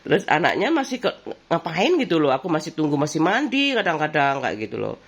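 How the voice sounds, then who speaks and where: A woman's voice: low-pitched, very animated, brisk, slightly rough, muffled recording. A woman with a lilt talks as she cooks at home for her own vlog. She wanders from one memory to the next and breaks into easy laughs along the way. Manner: rambling and reminiscing, laughs often. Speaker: vlogger. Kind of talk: casual chatty vlog while cooking.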